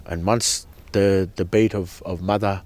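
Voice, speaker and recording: Low-pitched and a little mellow, the man keeps a steady tone and a measured pace. Speaking as a protester at a sacred site camp, he offers an impassioned, earnest personal account, often restarting and repeating words.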